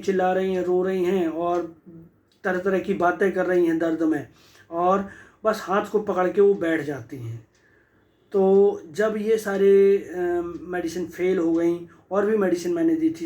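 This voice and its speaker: A man's voice: high-pitched, darkish tone, poor audio. A man, a homeopathy doctor, walks through a patient's case as a lesson. He slips from Hindi into English phrases, repeats himself and leans on fillers.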